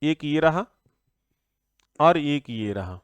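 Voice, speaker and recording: High, clear-voiced male engineering teacher. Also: expressive, very slow, no room sound. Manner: repeats key terms, asks and answers his own questions. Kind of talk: classroom lecture.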